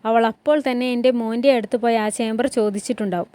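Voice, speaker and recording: A woman's voice: on the high side, steady tone, quick pace, mellow, dry recording, close to an everyday voice. A woman voicing a proud queen mother. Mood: suspicious.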